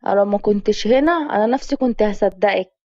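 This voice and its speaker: A woman voices a wounded Egyptian man in his thirties, hiding out and teasing in a dry, plainspoken way. The tone is dark and mellow, and the story reading comes through a muffled lo-fi recording. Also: medium pitch, fast talker, dry recording, lightly acted. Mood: wry. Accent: Egyptian Arabic. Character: wounded 32-year-old man hiding out, wry and proud.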